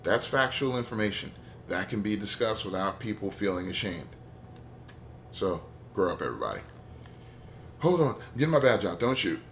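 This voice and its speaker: A man hosts a let's play, talking through the game in a rambling, opinionated way and cracking jokes as he goes. His voice sits a little low, with a faint hiss under the recording. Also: sing-song, moderate pace, pauses often. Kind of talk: gameplay commentary.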